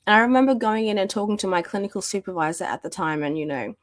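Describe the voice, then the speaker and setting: Speaking quickly and expressively in a mid-range voice, this thirty-something woman is an interview guest who works as a domestic violence practitioner. She's losing her voice as she chats through her story, full of fillers, recorded with clean studio sound and no room noise.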